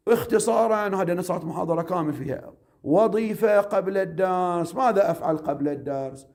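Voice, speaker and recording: A man, a cleric lecturing seminary students, emphatic and repetitive, slowing down to stress his points and asking rhetorical questions. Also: high voice, a little mellow. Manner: slows down to stress key phrases.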